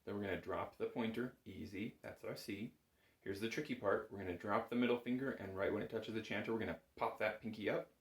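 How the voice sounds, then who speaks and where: A bagpipe instructor with a lowish voice talks fast, giving casual, reassuring, step-by-step instruction in an informal way. He's recorded indoors in a small room that sounds roomy and echoing.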